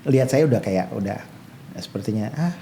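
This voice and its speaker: A man's voice: fairly low pitch, brisk, vocal fry, a little hiss or hum. A male pastor, telling his own life story in an interview and acting out the voices of people he quotes. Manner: animated storyteller who acts out quoted voices.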